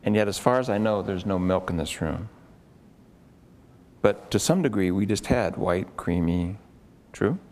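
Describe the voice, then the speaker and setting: A man working as a therapist in a live demonstration before a group, coaching a client with quick probing questions and repeated words. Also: low-pitched, expressive, a little mellow. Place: room with an onlooking group.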